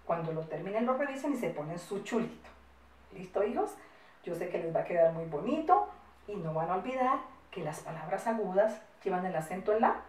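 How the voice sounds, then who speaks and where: In an echoey classroom, with her voice distant from the mic, a woman teaching first grade uses warm, singsong Colombian Spanish full of diminutives and spells out dictation slowly, word by word. She sounds mid-range and darkish.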